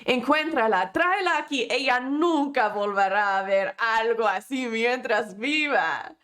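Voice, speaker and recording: A man's voice: very high-pitched, measured pace, pushed and bright, full character voice. A woman voicing a man, an alarmed father giving urgent orders.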